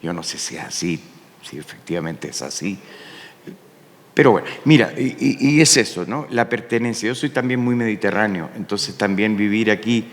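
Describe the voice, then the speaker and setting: A man's voice: on the low side, lively intonation, normal speed. A Chilean poet speaking on a panel in a musing way, often adding "¿no?" to check in with his listeners. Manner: reflective, musing, with frequent rhetorical "¿no?". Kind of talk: panel talk. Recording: long hall reverb.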